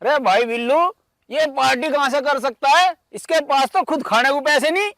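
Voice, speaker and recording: एक आदमी जो ताने मारने वाले घमंडी गाँव के नौजवान का किरदार निभा रहा है, हरियाणवी लहजे में चिढ़ाते हुए बोलता है।. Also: male voice, very high-pitched, normal speed, a bit bright, dry recording, studio quality. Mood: mocking. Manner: teasing, jeering. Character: young village man, mocking and smug. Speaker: mocking villager.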